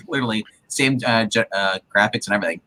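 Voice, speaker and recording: A man joining a casual movie commentary with quick, stammering quips. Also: on the low side, bright, forceful tone, low-quality recording. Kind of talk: casual live watch-party commentary.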